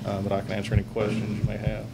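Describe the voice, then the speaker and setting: Flat-voiced man giving a budget report. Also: lowish voice, very fast, vocal fry, echoey room, very noisy. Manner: flat, steady, many ums. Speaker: school district finance officer. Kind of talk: budget report at a board meeting. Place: school board meeting room.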